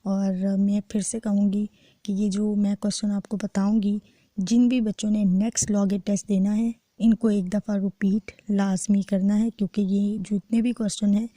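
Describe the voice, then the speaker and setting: A woman, a law test tutor going through exam answers in a steady explanatory lecture. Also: medium pitch, dry recording. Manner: steady explanatory teacher, reads questions out slowly.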